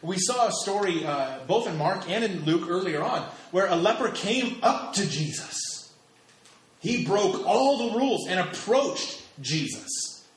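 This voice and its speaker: In a high, slightly bright voice, a pastor from the United States in his thirties delivers an emphatic sermon, repeating phrases to drive points home. The sound comes from an echoey hall with faint ambience.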